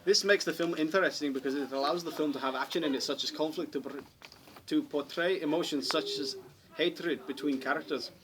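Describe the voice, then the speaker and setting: Reading prepared school interview answers in a busy classroom, a late-teen boy speaks fairly quickly in a fairly high, slightly bright voice. He stumbles and restarts words often, with classroom chatter audible behind him.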